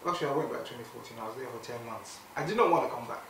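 Seated on a sofa in an indoor room, this young clothing brand founder from Zimbabwe races through an animated interview, his mid-range voice full of fillers and restarts. Captured by a far camera mic, he sounds distant in an echoey space with background noise.

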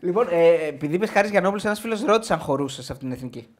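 A man's voice: sits high, animated. A man co-hosting a casual live show, reading viewer questions and agreeing often. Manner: brief agreeing interjections, reads viewer questions. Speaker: co-host. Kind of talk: casual chat.

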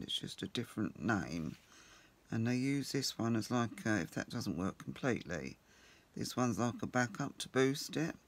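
A croaky-voiced man of medium pitch chats casually to himself as he works at a home craft table, hosting his crafting channel.

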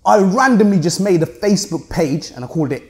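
Casting: British man, thirties, slangy street-tough roadman accent, slightly high voice, quick delivery, casual interview talk. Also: animated, darkish tone. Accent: British urban roadman slang accent. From Luton, England. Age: 30s. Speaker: interview guest, car rental business owner. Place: indoor meeting room at a table.

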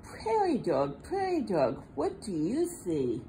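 Sitting at a table indoors, a children's storybook reader reads a picture book aloud to little kids in a sing-song, repetitive rhythm, taking it slowly. Her soft-edged, mellow voice swings very lively in pitch, and faint room noise can be heard behind her.

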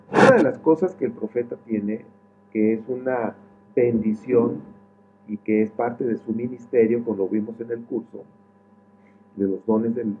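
A middle-aged man preaching a sermon, speaking conversationally with asides and repeated words. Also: mid-range voice. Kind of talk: sermon, Bible teaching. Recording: tinny phone-like sound with faint hum.

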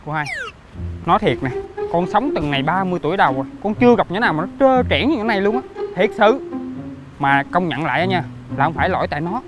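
A man's voice: sits high, lively intonation, quick pace. A man playing an outspoken nephew who dramatically scolds his uncle. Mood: exasperated. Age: 30s. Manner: dramatic, exclaiming, mock-shocked. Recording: music bed behind.

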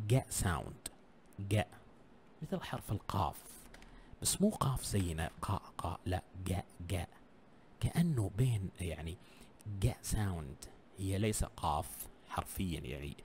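A male English teacher, speaking in a fairly low voice. His pitch rises and falls a lot as he drills sounds over and over. He keeps asking his learners whether they follow, and a faint ambient hum sits under his voice. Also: warm tone. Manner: drills sounds by repeating them, checks in often with the learners. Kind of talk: online pronunciation lesson.

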